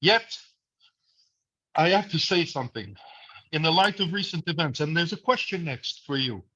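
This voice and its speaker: A man's voice: fairly high pitch, lively intonation, normal speed, pushed and bright, slightly rough, dull audio. A man in his seventies from Morocco, speaking earnestly and bluntly during a video call. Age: 70s. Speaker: audience member asking a question. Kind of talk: impassioned monologue on a video call.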